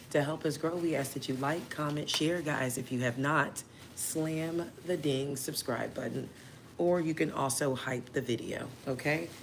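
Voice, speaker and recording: A woman whose voice is still hoarse, hosting a tarot livestream in a chatty way and checking in with her listeners often. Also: low voice, a little hiss or hum. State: hoarse, recovering voice. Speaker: tarot reader and channel host.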